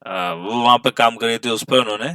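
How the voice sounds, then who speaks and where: A man, an English teacher reading English phrases slowly and explaining them in Urdu, repeating words and asking his class questions. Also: mid-range voice, bright, forceful tone, smooth, dry recording, clean studio sound. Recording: voice from a distance from the mic.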